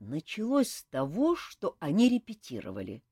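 A woman's voice: fairly low pitch, huge pitch swings, moderate pace, warm tone, slightly rough, dry recording, studio quality, heavily acted. A woman reading an audiobook, voicing a grumbling male commander who defends himself.

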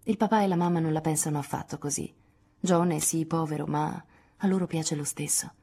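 A woman's voice: low voice, steady tone, fairly quick, dark tone, breathy edge. A woman voicing a proud, resolute young woman, speaking firmly and with indignation in an audiobook. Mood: defiant. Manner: indignant, firm, spirited. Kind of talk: audiobook dialogue reading.

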